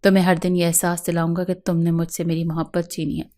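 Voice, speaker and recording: A woman's voice: fairly low pitch, little pitch movement, a little mellow, close to an everyday voice. Cold vengeful young husband, voiced by a female narrator, hard and clipped. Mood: cold, stern. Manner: cold, stern delivery. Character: harsh vengeful young man, cold and bitter.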